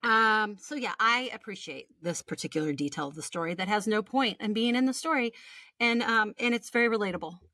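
An American woman co-hosting a podcast reads listener stories aloud, casual and sweary, tossing in chatty asides. Her mid-range voice is bright and forceful, a little fast, and the recording is dry.

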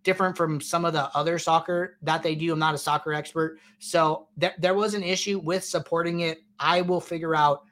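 A man with a somewhat raised voice hosts a casual live-stream question session. He explains things in a relaxed, rambling way, often pausing on fillers and restarting his sentences as he reads out viewers' questions. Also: a little high. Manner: loose and chatty, many fillers and restarts. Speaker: host answering viewer questions.

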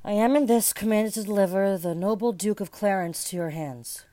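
A woman's voice: mid-range voice, normal speed, dark tone, lightly acted. A woman playing a dutiful, uneasy prison keeper, speaking respectfully in classical verse.

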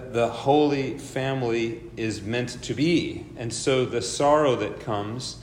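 A man teaching an adult church class and leading a prayer, often repeating words as he thinks, his voice echoing through a large church hall. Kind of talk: lecture with opening prayer. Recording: echoey hall reverb with faint rumble.

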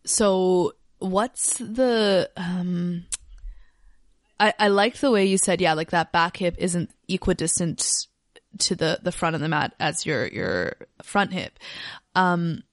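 A woman's voice: fairly low pitch, slow pace, no room sound, studio quality. A woman co-hosting a yoga podcast, explaining postures in a casual chat and thinking aloud with restarts.

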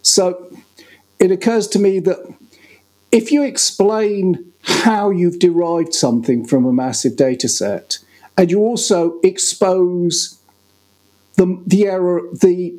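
A man speaking as a podcast guest, laying out his ideas in a measured, explanatory manner. His voice is mellow and a little raised in pitch. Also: fairly even intonation. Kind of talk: casual podcast conversation.

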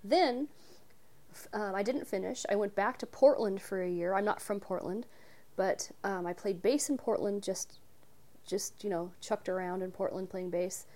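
A woman's voice: medium pitch, moderate pace, darkish tone. A woman, a musician guest answering questions in an easygoing way and explaining at length. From Salem, Oregon. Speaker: guest, bass and cello player. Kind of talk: casual interview.

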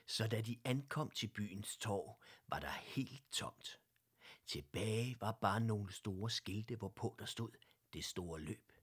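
A man narrating a children's audiobook in a calm, lively read-aloud manner. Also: lowish voice, slightly rough.

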